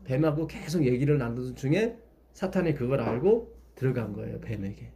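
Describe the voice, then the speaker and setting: A man's voice: medium pitch, lively intonation, a little fast, warm tone, a little hiss or hum. A man leading a Bible study, explaining patiently and asking his listeners questions.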